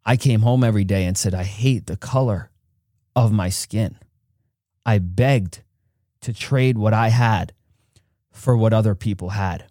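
A man hosting a podcast, telling a personal story in an earnest way and acting out quotes with big jumps in pitch. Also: measured pace, long pauses, mellow, no echo, clean studio sound. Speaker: podcast host.

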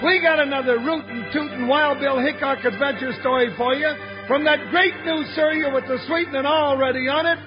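An actor playing a plump, good-natured deputy sidekick in a 1950s radio western, with a folksy, rustic, exclamatory way of talking. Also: male voice, very high voice, fairly even intonation, brisk, few pauses, music in the background. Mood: hearty, excited. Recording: muffled old radio broadcast.

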